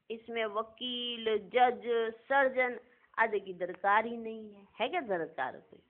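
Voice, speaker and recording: A woman giving a devotional sermon, asking and answering her own questions and repeating key phrases for emphasis. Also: fairly high pitch. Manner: addresses listeners fondly as children. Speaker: spiritual teacher reading and explaining a discourse. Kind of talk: devotional sermon, reading and explaining. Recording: tinny phone-like audio.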